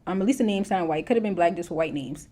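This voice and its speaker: A woman from the South Carolina Lowcountry with a Gullah Geechee accent, chatting casually in colloquial dialect. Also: animated, quick pace, dark tone. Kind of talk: casual conversation.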